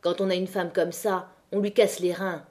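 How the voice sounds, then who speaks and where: A woman's voice: fairly low pitch, level tone, moderate pace, darkish tone, close to an everyday voice. A woman voicing a bullying miner man who threatens his neighbour in an audiobook. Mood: menacing. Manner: threatening, crude.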